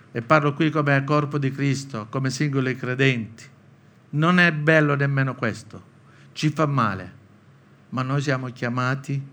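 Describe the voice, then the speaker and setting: A man from Italy preaching a sermon, acting out biblical quotes with animated, lively delivery. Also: medium pitch.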